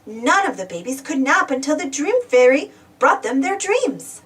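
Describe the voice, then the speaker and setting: Reading a storybook to small children, a woman uses a high, fairly bright voice at a moderate pace. She is very animated, her intonation swinging widely as she exclaims and asks the young listener questions, and she sounds somewhat far from the microphone.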